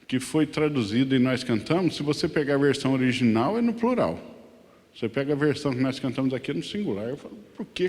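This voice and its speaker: A Brazilian pastor teaching a Sunday Bible class in a conversational way, often asking the class questions. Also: male voice, medium pitch, a little mellow, big-room sound. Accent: Brazilian Portuguese. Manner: conversational, asks the class questions, many tag questions; sings lyric lines slowly. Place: church hall.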